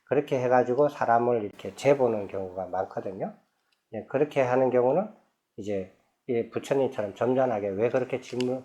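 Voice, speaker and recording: Monk guy explaining a sutra, reads a bit then chats about it, keeps asking the class questions, regular pitch. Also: mellow. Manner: conversational, asks the audience rhetorical questions; reads scripture passages aloud, then explains them in plain speech. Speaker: Buddhist monk lecturer. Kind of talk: dharma lecture on a sutra.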